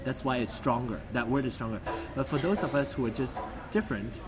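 A man's voice: mid-range voice, fairly quick. Hesitant man hosting a podcast chat. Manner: hesitant, restarts often. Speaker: podcast host. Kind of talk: casual chat.

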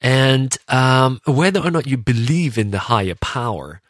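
A man hosting a podcast, talking casually and reflectively about himself, often pausing and rephrasing as he thinks aloud. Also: medium pitch, lively intonation, no room sound, clean studio sound. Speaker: podcast host. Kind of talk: casual reflective personal monologue.

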